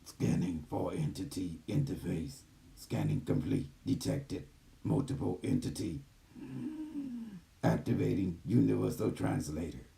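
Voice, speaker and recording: A man voicing a gentle, calm male care robot that speaks in soft, low, clipped system announcements over a video call. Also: measured pace, gravelly, full character voice, poor audio. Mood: calm, mechanical. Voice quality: soft, low, even machine-like delivery. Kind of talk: channeling a machine entity on a video call.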